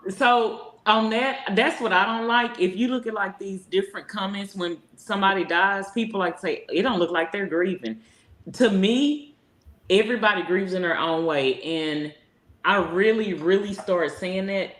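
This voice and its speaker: A woman's voice: medium pitch, normal speed, fairly bright tone. A woman co-hosting a casual chat, telling a rambling story full of restarts and asides. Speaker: co-host. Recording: roomy echo.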